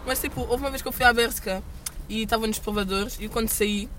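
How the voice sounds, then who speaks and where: A woman's voice: on the high side, fairly even intonation, fast talker, fairly bright tone, a little hiss or hum. A young woman with a European Portuguese accent, co-hosting a podcast and chatting about customers in a giggly, anecdotal way. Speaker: podcast co-host. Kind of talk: casual chat.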